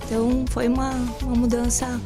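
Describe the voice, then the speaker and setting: A woman from southern Brazil, middle-aged and a little high-pitched, recounts her life plainly as a radio guest. She keeps adding little tag questions as she goes. A faint music bed plays under her voice in the studio. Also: flat delivery, brisk. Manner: simple, plain storytelling with frequent tag questions. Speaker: shop owner, interview guest. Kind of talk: radio interview.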